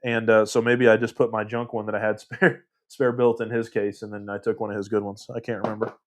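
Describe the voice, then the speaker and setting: A man's voice: on the low side, little pitch movement, a little fast. Rambling, laughing man hosting a livestream. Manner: rambling, self-deprecating, laughs often. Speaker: livestream host. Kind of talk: casual livestream chat reading comments.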